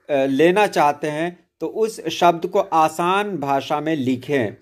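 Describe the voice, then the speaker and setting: A man giving a patient spoken lesson on poetry meter, explaining each step slowly and repeating key points. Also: fairly high pitch, a little mellow. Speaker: poetry teacher.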